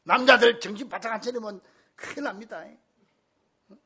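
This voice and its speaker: A male pastor preaching a sermon in a church, telling stories with animation and bursts of shouting. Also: very high-pitched, moderate pace, slight background noise. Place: church sanctuary.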